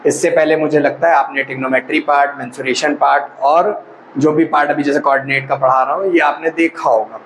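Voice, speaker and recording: A man's voice: a little high, steady tone, a little fast, a bit bright, slight background noise, poor audio. A male maths teacher explaining a lesson to students. He asks them questions and answers them himself, and calls them brother or child.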